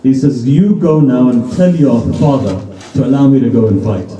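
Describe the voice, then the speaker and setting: A man's voice: mid-range voice, moderate pace, warm tone. A man preaching a sermon at a gathering in a private home, telling the story in short, emotive, dramatic lines. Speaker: majlis preacher. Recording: roomy sound from a distant mic.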